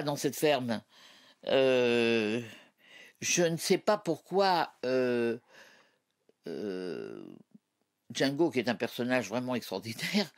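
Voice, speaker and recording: A woman's voice: very deep voice, no room sound, studio quality. A woman on a reality show farm, talking in an exasperated way and swearing often. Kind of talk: confessional and casual chat.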